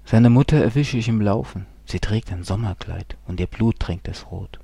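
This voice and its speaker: A man reading a dark first-person horror story, brooding and slow, often dropping into hushed whispers. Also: fairly low pitch, vocal fry, slightly rough, dry recording. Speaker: narrator.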